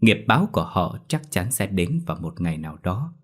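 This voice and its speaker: A man voicing a kindly old Buddhist monk who preaches softly and slowly. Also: sits low, big pitch swings, full character voice. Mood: preaching. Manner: soft, slow, preaching.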